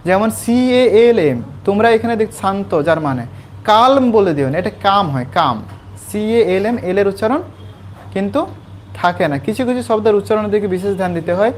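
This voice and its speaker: A man's voice: sits high, darkish tone, a little hiss or hum. Patient male tutor explaining grammar to a class. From West Bengal, India. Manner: patient, repetitive, checks understanding with quick questions. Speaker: English tutor. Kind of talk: explaining a textbook lesson to students. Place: small class with students present.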